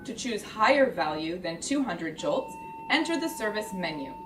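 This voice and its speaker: Roomy distant sound, female instructional narrator, scripted delivery, measured explanations, medium pitch. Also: big pitch swings, faint music behind. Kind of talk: scripted product tutorial narration. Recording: roomy, distant, clearly noisy recording.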